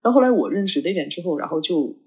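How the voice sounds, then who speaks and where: Husky-voiced woman chatting casually. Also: on the low side, expressive, racing, darkish tone, lo-fi sound. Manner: rambling, many fillers and restarts. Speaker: podcast co-host. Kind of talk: casual chat between friends.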